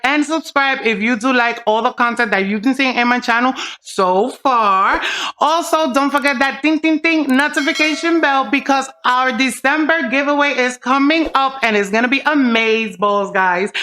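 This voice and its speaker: Female beauty vlogger, higher-pitched and very bright, excited and gushing, delivering a hyped giveaway announcement. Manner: excited, gushing, addresses viewers familiarly. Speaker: beauty channel host.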